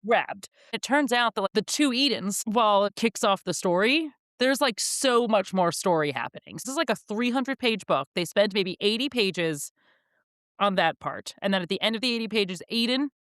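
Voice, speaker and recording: A woman's voice: medium pitch, animated, moderate pace, fairly bright tone, no echo, studio quality. A young woman co-hosting a book podcast, chatting casually and animatedly with lots of filler words. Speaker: podcast co-host.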